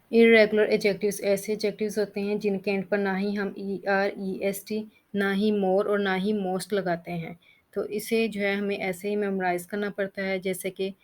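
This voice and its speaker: A woman's voice: mid-range voice, a little mellow. A woman teaching English grammar, explaining rules step by step, spelling out letters and reading lists of word forms. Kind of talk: Hindi-language grammar lesson.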